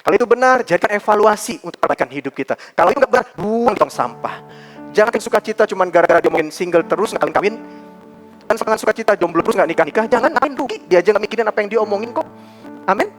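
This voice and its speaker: High-pitched pastor guy preaching, gets the crowd to answer back, soft music under it. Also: racing. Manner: lively preaching with call-and-response and quoted voices. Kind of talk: sermon. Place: church service.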